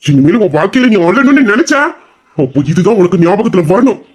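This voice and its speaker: A man's voice: high-pitched, very animated, brisk, darkish tone, slightly rough, heavily acted. A man playing a hot-tempered young husband in an audio drama, mocking and bitter in every reply. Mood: sarcastic, angry. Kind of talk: Tamil audio drama acting.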